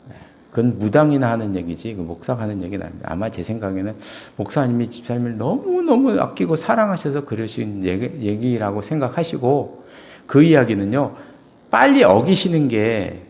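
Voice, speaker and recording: Gravelly, animated Korean-speaking male pastor. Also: normal speed. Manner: animated storytelling preacher, swings from loud emphatic peaks to low asides. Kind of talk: sermon.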